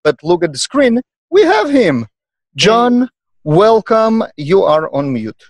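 A man with a Russian accent hosting an unscripted podcast, speaking in a hesitant, halting way. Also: sits high, big pitch swings, dry recording. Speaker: podcast host. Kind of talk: unscripted panel podcast introduction.

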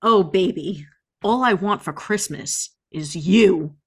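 A podcast co-host with a lowish female voice reads song lyrics slowly, with a breathy edge. She plays it up in an exaggerated, melodramatic, theatrical way, clearly having fun.

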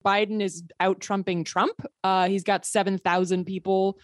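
A woman's voice: mid-range voice, little pitch movement, normal speed, no room sound, studio quality. A woman partly raised in Sweden, speaking as an interview guest in a passionate, sarcastic way. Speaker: guest, filmmaker. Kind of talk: political interview.

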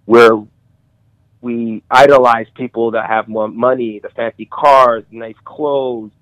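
A middle-aged man sharing memories of a friend on a call, halting with many restarts and emotional. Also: medium pitch, steady tone, fairly bright tone, dry recording. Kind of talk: casual conversation. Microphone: call audio. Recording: tinny phone-like call audio.

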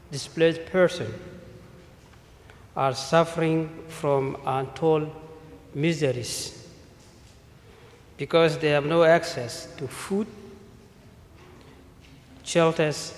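Man, priest from South Sudan, measured sermon, slightly high voice, roomy church echo. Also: fairly even intonation. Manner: slow, measured delivery with listed phrases. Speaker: visiting priest. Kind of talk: mission appeal sermon. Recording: echoey church with long reverb.

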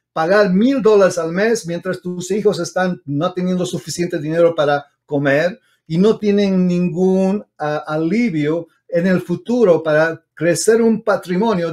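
A man with a slightly high voice speaks directly to his audience as an advice host. He is earnest and admonishing, circling back to repeat his points. His phrasing is halting and not quite fluent, with English loanwords mixed in. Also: darkish tone. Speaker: real estate agent hosting an advice show.

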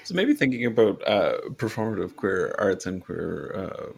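A man's voice: sits low, very animated, moderate pace, vocal fry, husky. A man co-hosting a podcast interview, asking questions hesitantly with filler uhs. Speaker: podcast co-host.

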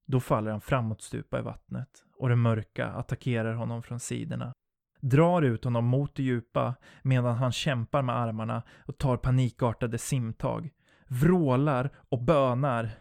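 Guy reading a horror audiobook, gravelly voice, dry close sound, steady and low. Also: no echo. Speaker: narrator. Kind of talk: first-person horror audiobook narration.

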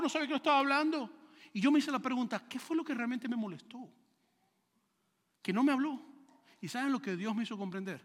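A male pastor preaching a sermon in a church, his high, bright voice trailing a long reverb. He speaks conversationally, acts out dialogue from his own stories, and fires off rhetorical questions at the congregation.

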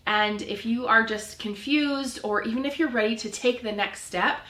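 A woman in her forties speaks with a slightly high voice, chatty and earnest, poking a little fun at herself as she explains. She hosts a solo podcast. The recording has a noticeable room echo. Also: moderate pace, a bit bright. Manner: chatty, earnest, self-deprecating with small laughs. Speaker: podcast host, pelvic floor physical therapist.

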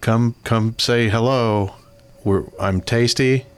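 A man voicing a creature awkwardly pretending to be human in a halting, repetitive way, during a tabletop game. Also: medium pitch, steady tone, close to an everyday voice. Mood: stilted. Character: stilted voice awkwardly faking being human. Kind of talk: tabletop game role-play.

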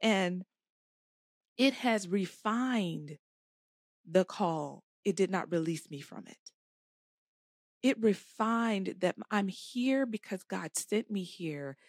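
A woman's voice: medium pitch, expressive, slow, long pauses, no echo, studio quality. A woman guest on a podcast, earnestly telling a personal faith story and acting out her inner conversations. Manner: earnest testimony with acted-out inner dialogue. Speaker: podcast guest, life coach. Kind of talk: faith-based interview storytelling.

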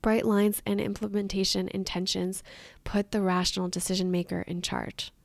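Gravelly, upbeat woman podcast coach. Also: mid-range voice, little pitch movement, moderate pace, dry recording. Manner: upbeat and encouraging, with light laughs. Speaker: podcast host and weight loss coach. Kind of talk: motivational podcast monologue.

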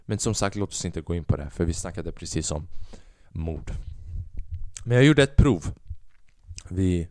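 A man's voice: low voice, expressive, long pauses, a little mellow, no echo, studio quality. A man in his twenties hosting a solo podcast, rambling restlessly, swearing often and mixing in English phrases. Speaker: podcast host. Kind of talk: casual solo monologue.

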